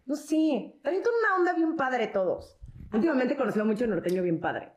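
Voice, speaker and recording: A woman's voice: high-pitched, a little fast, roomy sound. Chatty Mexico City woman, slangy. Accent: Mexico City Spanish. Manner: animated, slangy, laughs often. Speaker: podcast guest. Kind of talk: casual chat.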